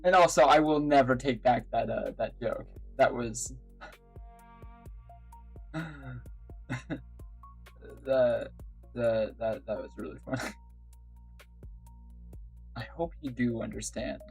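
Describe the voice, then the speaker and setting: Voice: medium pitch, lively intonation, slow, creaky, long pauses, slightly rough, faint music behind. A livestream radio host chatting casually with viewers, rambling, giggling often and apologizing a lot.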